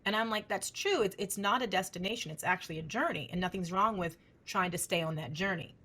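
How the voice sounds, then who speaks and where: A middle-aged woman speaking as a researcher in an interview, with a slightly low-pitched voice. She talks in an animated, emphatic way, firing off rhetorical questions as she explains. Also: fast talker. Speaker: speech language researcher. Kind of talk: conversational interview answers.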